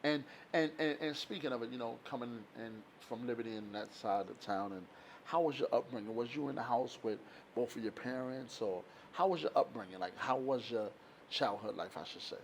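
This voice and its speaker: A man hosting a casual podcast interview, laid-back and quick to affirm with no doubt and dope. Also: mid-range voice. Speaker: podcast host. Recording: faint background noise.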